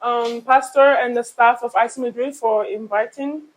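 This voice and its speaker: A woman's voice: a little high, steady tone, a little slow. A woman interpreting a sermon live, relaying the preacher's words in the third person with the odd filler.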